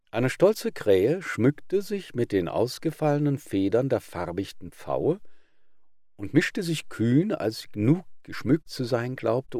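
A man reading old fables aloud in a measured, expressive narration. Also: lowish voice, dry recording, clean studio sound. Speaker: audiobook reader.

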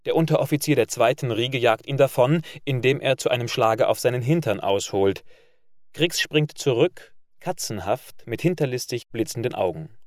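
A man narrating a literary story in a measured reading voice. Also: medium pitch, dry recording, clean studio sound. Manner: measured reading, loud barked commands for characters.

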